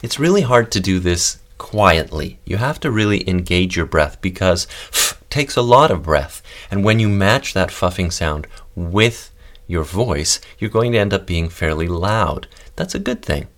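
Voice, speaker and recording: A man hosting a podcast voice lesson, calmly guiding listeners through breathing, fuffing and humming exercises. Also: low voice, a little slow. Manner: calm, guiding instructions with demonstrations. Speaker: voice and text coach.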